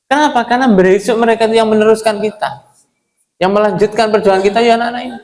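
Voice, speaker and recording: A man's voice: high-pitched, fairly even intonation, fast talker, darkish tone. A middle-aged man with an East Javanese accent, preaching conversationally at a mosque and often addressing his listeners directly. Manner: conversational, mixes in local Javanese phrases, addresses audience as Pak. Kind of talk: mosque sermon.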